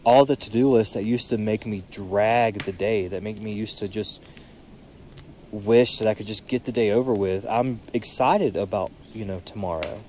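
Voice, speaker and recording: Sleepy young guy rambling by a creek, low mellow voice, faint water and birds behind. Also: a little hiss or hum. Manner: musing, fills pauses with "you know". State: tired, yawning. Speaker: podcast vlogger. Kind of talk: reflective solo monologue. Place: outdoors, seated beside a creek.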